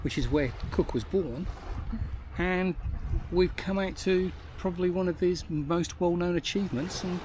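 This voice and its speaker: A man's voice: sits high, a little slow, a little mellow. A man co-hosting a travel vlog, chatting and bantering casually while filming himself on a beach at sunset. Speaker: vlog co-host. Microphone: handheld phone camera. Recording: outdoor noise on a beach.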